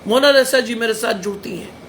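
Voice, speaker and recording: A man's voice: very high voice, a little fast, a bit bright, a little hiss or hum. A man preaching a sermon, blunt and emphatic, firing rhetorical questions at his listeners. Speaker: pastor.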